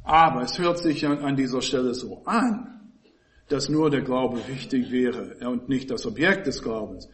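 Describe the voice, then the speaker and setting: A man giving an expository Bible teaching, explaining the text in a measured way and stressing key words with pauses. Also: medium pitch.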